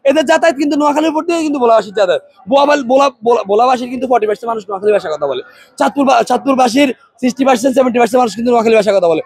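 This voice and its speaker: A man's voice: very high voice, racing, a little mellow, husky, no room sound. A man from Noakhali speaking with a Noakhali Bengali accent in a street interview, arguing hard, repeating himself and checking that listeners follow. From Noakhali, Bangladesh.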